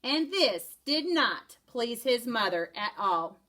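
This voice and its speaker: A woman teacher reads a children's picture book aloud. Her voice is fairly high and swings widely in pitch. She takes her time, unhurried and expressive. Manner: expressive, animated storytelling. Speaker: first-grade teacher.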